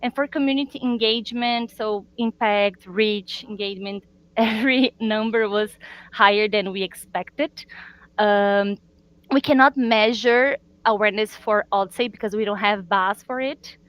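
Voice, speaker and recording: A woman from a marketing team presenting results on a video call, earnest and halting, with frequent fillers. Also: medium pitch, poor audio. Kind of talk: business presentation.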